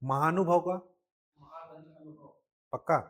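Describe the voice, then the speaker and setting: A man with a Chhattisgarhi-tinged accent leads a live Hindi lesson, his voice sitting a little on the high side. He checks in with the class constantly and slows down to spell words out one sound at a time. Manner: drills students with frequent "ठीक है" checks. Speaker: Hindi teacher at a coaching class.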